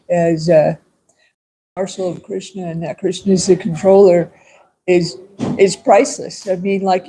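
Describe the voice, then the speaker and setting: A man with a fairly high voice and a soft, mellow tone offers a casual reflection. He rambles informally, as a class participant sharing a comment would. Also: slight background noise, low-quality recording.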